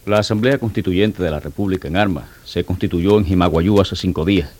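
A man's voice: deep voice, a little fast, darkish tone. An actor playing a man who eagerly shares political news with a friend in a radio drama. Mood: informative. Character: man spreading political news in a public place, proud.

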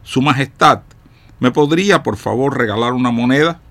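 A man's voice: medium pitch, normal speed, a bit bright, lightly acted. Man playing a pleading poor beggar.

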